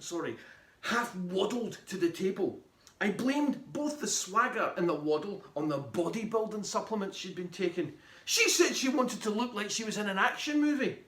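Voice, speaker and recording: A man reading his children's book aloud in an animated, playful way. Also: sits high, echoey room.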